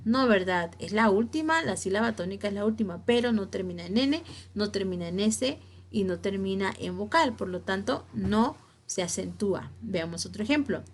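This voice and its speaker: A woman's voice: mid-range voice, lively intonation, moderate pace. A woman teacher giving a spelling lesson to her students, stressing key words and checking that they follow along.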